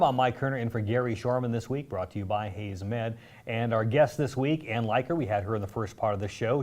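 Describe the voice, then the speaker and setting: A man filling in as host of a local TV interview show, chatty and easygoing, with slightly halting questions, in a studio. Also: medium pitch, darkish tone.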